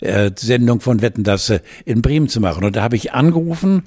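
Husky middle-aged guy, rambling podcast stories, does little voices. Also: mid-range voice, expressive, a little fast, darkish tone. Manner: rambling storyteller, acts out quoted voices. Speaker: podcast co-host. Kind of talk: casual chat.

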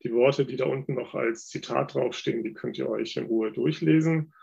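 Gravelly man, distant on a call. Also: mid-range voice, moderate pace, a little mellow. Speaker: consultant, panelist. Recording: dull, distant call audio.

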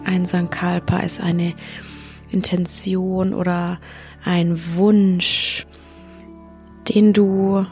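Slow, soft-spoken woman guiding sleep meditation. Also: on the low side, vocal fry. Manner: soft, slow, often half-whispered guidance. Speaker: podcast host, yoga teacher and mindfulness coach.

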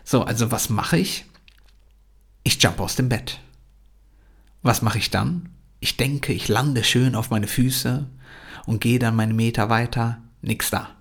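A young adult man hosting a podcast, delivering an energetic, emphatic motivational monologue and mixing in English phrases. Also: medium pitch, a little slow, long pauses, husky.

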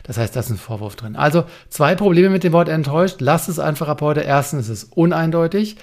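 A man's voice: on the high side, lively intonation, fairly quick, a little mellow. A man giving a communication coaching talk, speaking in short punchy phrases, asking rhetorical questions and addressing the listener directly.

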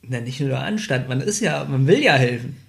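A man's voice: medium pitch, animated, brisk, vocal fry. A man co-hosting a casual chat, teasing his friend and questioning his story. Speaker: podcast co-host.

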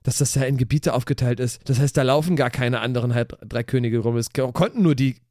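Animated storytelling man, dry close mic. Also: medium pitch, fast, no echo. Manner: animated storyteller acting out quoted dialogue. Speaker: podcast co-host. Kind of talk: casual chat.

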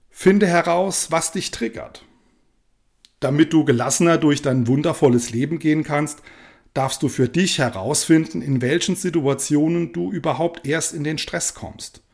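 Calm man coaching the listener. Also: on the high side. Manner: addresses the listener directly and warmly with informal du; calm, deliberate storytelling with slowed phrases. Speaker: life coach and podcast host. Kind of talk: motivational podcast talk with a told parable.

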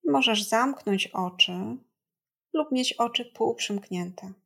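A woman guiding a body scan meditation in a gentle, calm, soothing and measured way, leaving long pauses. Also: a little high, vocal fry, breathy edge. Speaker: meditation guide.

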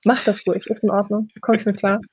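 A woman's voice: medium pitch, little pitch movement, darkish tone, husky. Blunt woman about 30, podcast guest, says what she thinks. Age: around 30. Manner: outspoken, blunt, quick asides. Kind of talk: casual interview chat.

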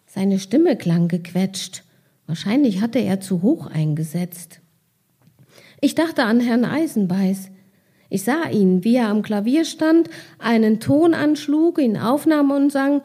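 Author reading aloud, slow, mellow and calm; higher woman's voice. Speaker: author reading her novel. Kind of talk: literary reading with casual asides.

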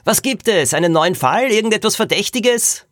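A man's voice: normal speed, dry recording, clean studio sound. A man doing a cheeky teasing boy. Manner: teasing, high and excited.

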